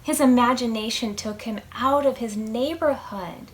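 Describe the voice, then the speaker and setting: A storytime host with a fairly high voice reads a picture book to preschoolers at a moderate pace. She is expressive, stretching out words and asking her young audience questions.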